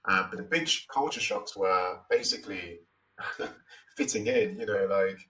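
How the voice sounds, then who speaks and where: A Nigerian man in his forties, an interview guest, reflects thoughtfully on his story, peppering it with "you know." His fairly low voice is expressive, unhurried and sharp in tone, and he sounds far from the mic.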